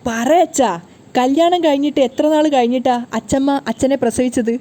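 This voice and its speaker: A woman's voice: sits high, normal speed, warm tone, close to an everyday voice. A woman reading a flustered pleading young husband. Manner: pleading, repeating himself.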